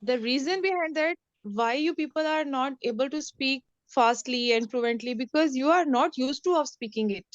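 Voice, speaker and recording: A woman's voice: high voice, moderate pace, hardly any pauses, no echo, highs cut off. Female online English tutor, Pakistani accent. Reassuring, repetitive, informal, close dry sound. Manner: repetitive, reassuring, calls student dear. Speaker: English teacher. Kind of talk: informal online lesson, encouraging talk. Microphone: online call.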